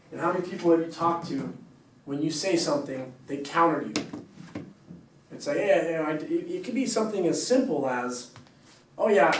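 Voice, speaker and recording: A man's voice: medium pitch, a little hiss or hum. A man, a personal trainer, chatting casually and rambling to his staff with easy laughs. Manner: rambling, upbeat, laughs easily. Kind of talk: casual chat. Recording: echoey room, mic far off.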